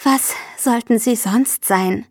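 Woman doing anxious female friend, stammering, urgent, higher voice, slow, dry close sound, storybook reading. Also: no echo. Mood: worried.

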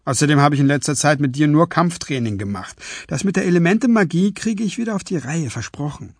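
Sarcastic teen sorceress girl, as a male reader puts her on, raised pitch, husky, lively, storybook audiobook. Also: no echo. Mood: wry. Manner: dry, teasing, quick retorts. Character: female teenage girl, sarcastic young sorceress.

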